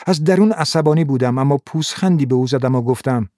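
A man's voice: medium pitch, no room sound, clean studio sound. Man narrating a noir audiobook. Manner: steady, measured first-person reading.

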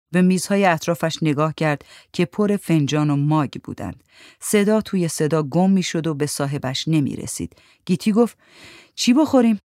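A woman narrating a literary short story in a steady, measured reading voice. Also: deep voice, no room sound, studio quality.

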